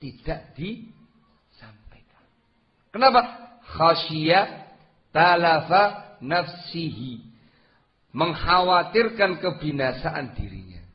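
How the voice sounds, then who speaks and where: A man's voice: fairly high pitch, expressive, takes it slowly, pauses often. Emphatic male preacher, dull lo-fi recording. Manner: emphatic, rhetorical questions, swings between loud and soft; recites Arabic phrases. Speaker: Islamic preacher. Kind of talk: sermon lecture.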